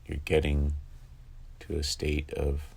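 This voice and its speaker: A man with a strikingly deep, low voice that's creaky and husky guides a meditation for insomnia. His delivery is calm and instructive, with long silences left between phrases.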